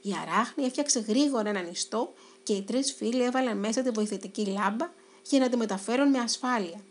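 A woman narrating a children's storybook in an expressive, dramatic way. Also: a little high.

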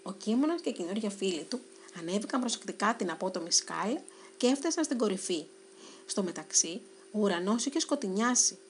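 A woman narrating a children's storybook in an expressive, dramatic way. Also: mid-range voice, slight background noise.

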